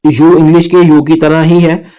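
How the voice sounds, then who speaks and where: A man's voice: on the high side, little pitch movement, normal speed, warm tone. A man, patiently explaining a language lesson step by step over slides. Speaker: language teacher. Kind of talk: slide-based video lesson.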